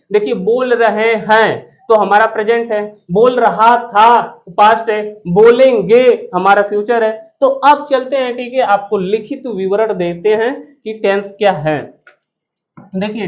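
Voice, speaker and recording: Male teacher, classroom grammar lesson, repeats questions for the class to answer, cracks jokes, slightly muffled audio. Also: high voice. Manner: repetitive question-and-answer drilling; joking asides to students. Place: classroom with students present.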